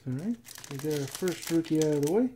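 A man casually narrating as he opens packs of trading cards, reading off names in a steady, relaxed list. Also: on the high side, quick pace, slight background noise. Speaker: card collector opening packs. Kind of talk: casual running commentary. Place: indoors at a table.

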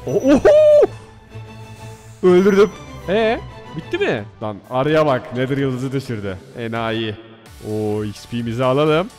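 A man commentating his own Minecraft gameplay, excitable, muttering one moment and yelling the next. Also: mid-range voice, measured pace, soft background music. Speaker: gaming YouTuber. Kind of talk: Minecraft let's play commentary.

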